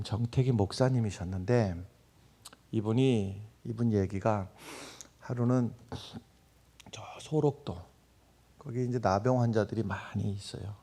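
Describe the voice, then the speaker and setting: A male pastor preaching a sermon, telling a story with loud exclamations and quiet asides. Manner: animated storytelling, swings between loud exclamations and low asides.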